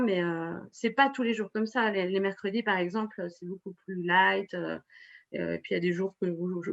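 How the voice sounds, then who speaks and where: A woman's voice: medium pitch, vocal fry, dull audio. A woman in her forties, a web writer and blogger, talking in an interview with many fillers and restarts. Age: 40s. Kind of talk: casual interview.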